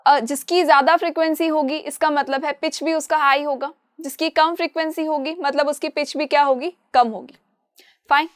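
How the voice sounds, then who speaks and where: A woman's voice: sits high, fairly bright tone, no room sound, clean studio sound. A young woman teaching a physics class, who asks the class questions and answers them herself, mixing English terms into her explanations. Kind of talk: online class lecture.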